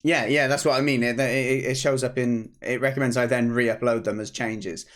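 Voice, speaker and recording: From a desk mic in his home office, a British game developer in his thirties hosts a casual devlog stream. He's slightly hoarse, chatty, and prone to rambling and restarts, speaking at medium pitch with a steady tone and normal speed.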